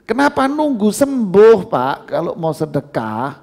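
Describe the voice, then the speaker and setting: Lively, gravelly preacher man in a mosque hall. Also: high voice, measured pace. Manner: conversational, addresses audience as "Pak", asks and answers questions. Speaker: Islamic preacher. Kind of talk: mosque study-circle lecture.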